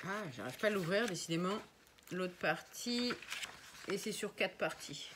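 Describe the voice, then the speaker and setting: A woman's voice: mid-range voice, a little slow. A woman showing her craft purchases in a casual vlog, chatting and thinking aloud with frequent hesitations. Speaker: crafting vlogger. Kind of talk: casual show-and-tell vlog. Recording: noisy home recording with crinkling packaging.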